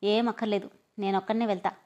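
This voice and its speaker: A woman's voice: mid-range voice, little pitch movement, fast, dark tone, close to an everyday voice. A woman reading a curt, teasing young man. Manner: curt and dismissive.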